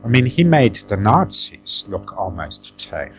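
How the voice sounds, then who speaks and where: A middle-aged Tanzanian man reminisces as an interview guest, emphatic and conversational, often ending points with a questioning "yeah?". His fairly low voice swings widely in pitch at an unhurried pace, on a dull, lo-fi recording with faint music behind.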